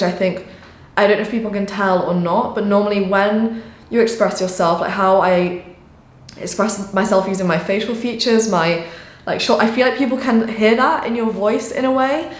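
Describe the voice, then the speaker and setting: A woman talking casually to camera as a sales coach, expressive, often shifting her pitch and energy as she explains. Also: normal speed. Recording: echoey room.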